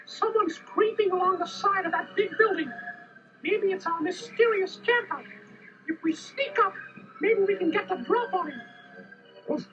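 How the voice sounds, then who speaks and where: A man voicing a plucky, cheerful cartoon mouse in a squeaky falsetto for a children's audio storybook, earnest and kindly. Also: measured pace, bright, forceful tone, slight background noise, exaggerated voice. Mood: curious, determined. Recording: dull lo-fi tape, music behind.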